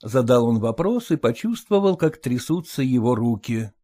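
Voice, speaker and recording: A man narrating a story in measured, even storytelling. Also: mid-range voice. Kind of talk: audiobook narration.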